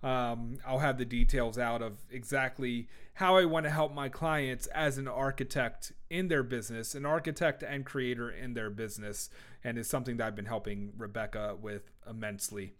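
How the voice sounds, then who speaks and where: A man's voice: medium pitch, fairly even intonation, moderate pace, fairly bright tone. A young adult man hosting a casual solo podcast, talking in a rambling, jokey way with lots of swearing, fillers and restarts. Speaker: podcast host.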